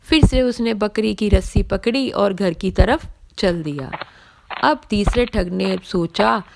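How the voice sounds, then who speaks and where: A woman narrating a moral tale in a calm, measured storytelling manner. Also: mid-range voice, gravelly.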